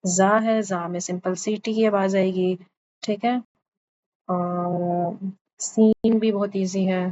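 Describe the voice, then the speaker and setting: A woman's voice: mid-range voice, steady tone, long pauses, dark tone. Patient woman teaching Quran letter sounds. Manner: patient, repeats sounds for students to copy. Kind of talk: online class lesson. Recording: slightly dull lo-fi audio with faint background hiss.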